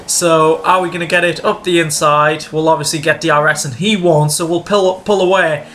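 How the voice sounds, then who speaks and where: A man commentating on his own racing game playthrough, excitable and jumping up in pitch when the action gets tense. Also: normal speed. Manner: excitable, rises sharply in pitch during tense moments. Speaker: gaming video creator. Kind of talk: let's-play racing commentary.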